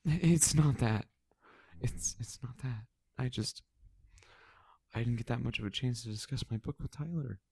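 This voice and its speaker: A man voicing a shy, anxious young woman in a visual novel, speaking in a halting, apologetic way. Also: medium pitch, dark tone, husky. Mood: timid. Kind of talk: reading a visual novel aloud with friends.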